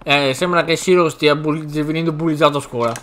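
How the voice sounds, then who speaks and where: A man reading subtitles aloud for a stern adult ex-yakuza who protects orphans, in a slightly deeper tone. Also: fairly even intonation, a little fast, fairly bright tone, a little hiss or hum, close to an everyday voice. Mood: determined.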